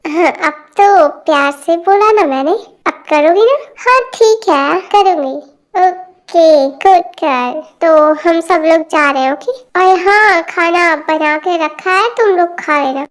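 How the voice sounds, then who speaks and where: A woman's voice: very high voice, slow. A woman voicing a strict middle-aged mother in an amateur fan dub, bossy and ending orders with "okay?". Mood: stern.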